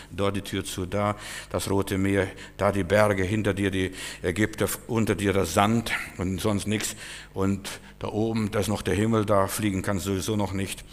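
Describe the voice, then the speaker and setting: A man preaching a sermon with fervent, repetitive phrasing that climbs to loud, emphatic peaks. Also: sits low, a little hiss or hum. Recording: long hall reverb.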